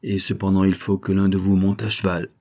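A man's voice: low-pitched, little pitch movement, brisk, dark tone, natural voice. A man reading the lines of an old aristocratic general giving orders to his servants, in an audiobook. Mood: commanding. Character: elderly marquis general, commanding and brisk.

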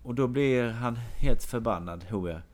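A man telling a long, meandering anecdote in casual chat. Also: mid-range voice.

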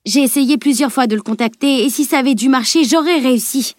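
A woman's voice: high voice, fairly quick, no room sound, clean studio sound, pitched above the performer's own voice, close to an everyday voice. A woman reading an audiobook, voicing an impulsive, emotional teenage girl in a raised, urgent voice. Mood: insistent.

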